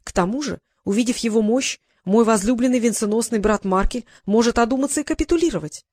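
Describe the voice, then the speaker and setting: A woman reading an audiobook, voicing a soft-spoken, gently cunning sultan in a mild, kindly manner. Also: a little high, fast talker, dry recording, natural voice. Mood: scheming calm.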